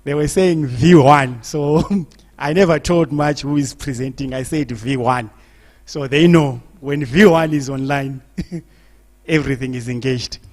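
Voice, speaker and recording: A man's voice: mid-range voice, unhurried. Chatty man introducing a church speaker. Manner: chatty, laughs between phrases. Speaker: program host introducing speaker.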